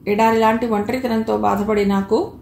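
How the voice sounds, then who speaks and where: A woman's voice: fairly high pitch, steady tone, normal speed, gravelly, a little mellow. A woman reading as a fond, teasing mother. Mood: moved. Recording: echoey room with faint noise.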